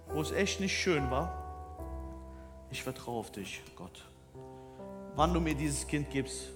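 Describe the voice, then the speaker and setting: Fervent preacher man over soft music. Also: a little high. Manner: swings from hushed whispers to loud emphatic questions. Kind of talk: sermon with soft piano. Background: soft instrumental music.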